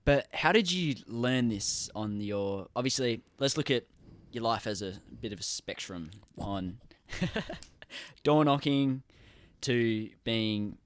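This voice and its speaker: A man's voice: medium pitch, animated, takes it slowly. A man with an Australian accent hosting a podcast, asking long, enthusiastic, rambling questions. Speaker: podcast host. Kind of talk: casual podcast interview.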